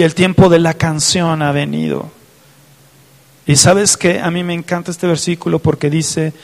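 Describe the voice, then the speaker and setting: Fervent high-voiced pastor preaching. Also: male voice, big-room sound. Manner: fervent, reads scripture aloud, asks listeners direct questions. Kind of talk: sermon.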